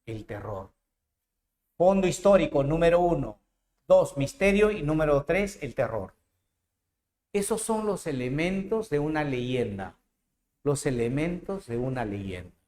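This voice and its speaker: A man's voice: fairly high pitch, animated, normal speed, darkish tone, slight background noise. A male literature teacher retelling legends as a dramatic lesson, putting rhetorical questions to the student. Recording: echoey room.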